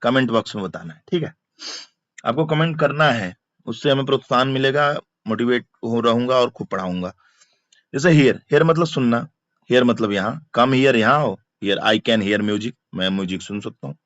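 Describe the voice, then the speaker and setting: A man with a mid-range, fairly bright voice runs an online exam-prep lesson, going through the material word by word. Repeating words and terms often, he asks for comments, all on a dry, muffled, lo-fi recording.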